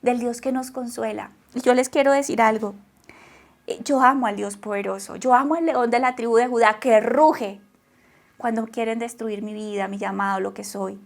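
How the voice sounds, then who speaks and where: A woman's voice: fairly high pitch, steady tone, normal speed, gravelly. A woman preaching a sermon, who talks emphatically, repeats her phrases and keeps asking the listeners questions. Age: adult mother.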